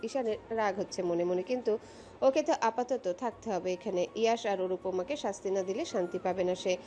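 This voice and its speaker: Woman narrating a romantic story, mellow tone. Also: medium pitch, a little fast, faint music behind.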